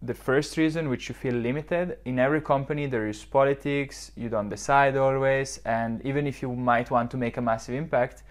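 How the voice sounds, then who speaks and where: A lapel mic in a modern indoor office lounge picks up a young man from southern Switzerland, in his twenties, answering podcast questions about his startup. He sounds reflective, restarting often and using many fillers, at a moderate pace with few pauses, medium pitch and fairly even intonation.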